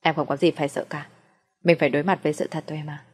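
A woman voicing a young man, a gentle boyfriend who teases and comforts in a soft, reassuring way. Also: sits low, level tone, racing, husky, long reverb tail. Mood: firm.

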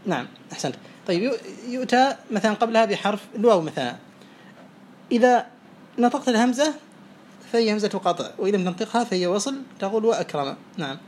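A man teaching Arabic morphology, quizzing students and briskly praising each answer. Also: high voice, lively intonation, a little mellow. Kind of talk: oral quiz lesson. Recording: faint background noise.

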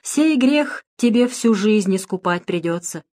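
A woman voicing a kindly, wise elderly male priest in an audiobook, gentle but firm and folksy. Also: medium pitch, animated, unhurried, natural voice. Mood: earnest.

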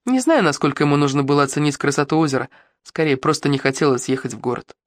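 A man narrating an audiobook in the first person, with lively, expressive storytelling. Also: a little high, quick pace, no echo.

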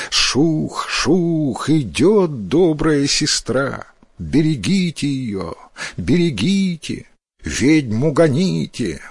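A man voicing kindly talking forest trees in a breathy whisper, in whispered role-play. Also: medium pitch, no room sound, full character voice.

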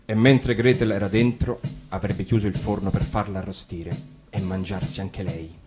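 A man narrating a fairy tale on radio, measured, his voice sinking softer at the ends of phrases. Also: sits low, fairly even intonation. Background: music.

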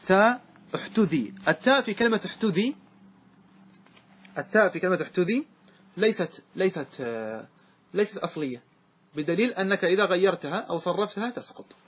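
Teaching a grammar lesson in a classroom, a man with a high, husky voice speaks expressively and a little fast, with long pauses. He quizzes his students, drilling them in call and answer.

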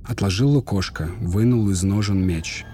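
A man narrating a fairy tale in a measured, solemn storybook manner. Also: lowish voice, warm tone, faint music behind. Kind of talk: storybook reading.

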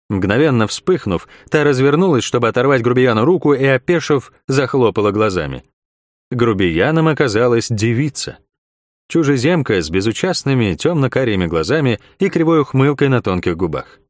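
A man narrating a fantasy audiobook in an expressive storytelling manner. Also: medium pitch, no echo, clean studio sound.

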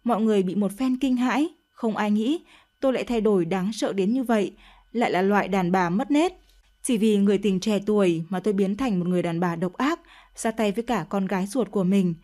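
Woman reading a dark confession story, emotional, first person, audiobook style. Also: medium pitch, a little fast. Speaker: story narrator.

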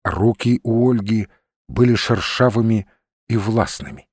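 A man reading a novel aloud in measured audiobook narration. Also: lowish voice, a little mellow, husky, no echo, clean studio sound. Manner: measured storytelling. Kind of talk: scripted narration.

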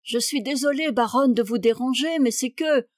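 Woman doing a fluting-voiced, fawning gentleman. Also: high-pitched, moderate pace, dry recording, studio quality, lightly acted. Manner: apologetic and pestering.

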